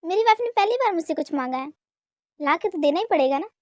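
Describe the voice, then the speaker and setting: A woman's voice: extremely high pitch, expressive, fast, a little mellow, no room sound, clean studio sound. A woman voicing a stammering young husband. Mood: indulgent. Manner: hesitant, stammering, placating. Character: young husband, soft and indulgent, evasive. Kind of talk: amateur romantic fan dub.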